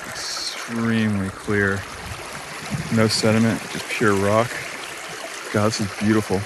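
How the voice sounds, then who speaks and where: Low-voiced man rambling on a forest trail. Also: little pitch movement, takes it slowly. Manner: rambling, chatty, self-deprecating. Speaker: hiking vlogger. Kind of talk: casual vlog talk to camera. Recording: outdoor noise in the background. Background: outdoor noise.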